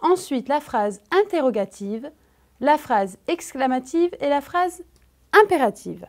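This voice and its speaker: Slow, lively French woman teacher. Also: sits high. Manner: slow, emphatic, addresses the pupil directly. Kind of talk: grammar lesson for children.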